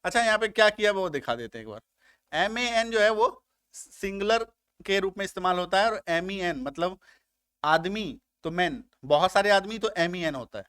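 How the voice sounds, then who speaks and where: Male grammar teacher, high voice, dry close mic, patient and repetitive, checks understanding often, slightly under the weather. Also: animated, normal speed, a bit bright, clean tone, no echo. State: slightly unwell, coughing. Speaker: English teacher. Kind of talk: Hindi-medium spoken English grammar lesson.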